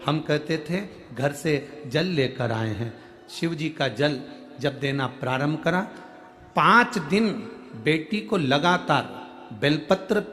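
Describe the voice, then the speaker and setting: A man preaching a devotional sermon to a large crowd, reading out a letter and speaking with emotion, his voice swelling on key words. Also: on the high side. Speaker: kathavachak preacher. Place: large crowded outdoor religious gathering.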